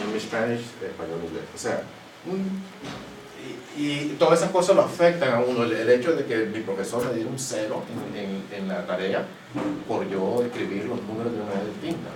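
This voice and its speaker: A middle-aged man telling personal stories at a faith formation talk. He often repeats words and keeps asking "¿no?". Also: fairly low pitch. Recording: roomy, distant mic, noisy.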